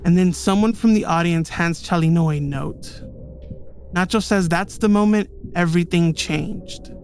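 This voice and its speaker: A man's voice: high-pitched, moderate pace, a little mellow. A man hosting a podcast, telling a true story in scripted documentary narration. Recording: music bed behind the voice.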